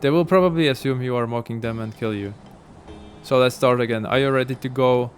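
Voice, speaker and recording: A rude pirate , read aloud by a man, sneers at the people around him. The voice sits at a middling pitch and he talks in a scornful way. Faint game music plays behind him. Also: a little fast, natural voice. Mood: curt. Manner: sneering, insulting.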